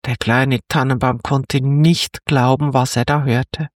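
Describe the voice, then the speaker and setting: A storyteller reading a children's story aloud in a calm, gentle manner. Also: mid-range voice, measured pace, dry recording, studio quality.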